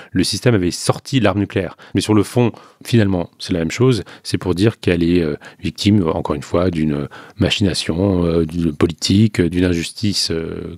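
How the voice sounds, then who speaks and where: A male political journalist giving measured, analytical news commentary with frequent hesitations. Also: deep voice, darkish tone, dry recording, clean studio sound.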